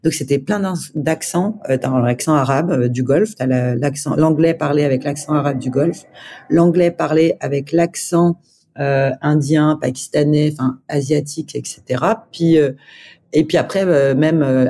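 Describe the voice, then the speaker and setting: A woman in her forties from France tells her story to an interviewer. Her voice is mellow and dark. She speaks haltingly, with frequent fillers and restarts. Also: low-pitched. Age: 40s. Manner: halting, many fillers and restarts, laughs while telling. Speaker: guest.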